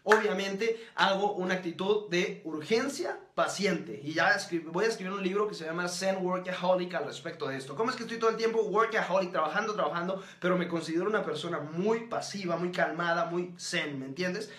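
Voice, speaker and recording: A man with a high, bright, forceful voice gives a live motivational talk, emphatic and preachy. He speaks directly to his audience and answers viewer comments as he goes. The sound is roomy and echoey. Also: a little fast, few pauses.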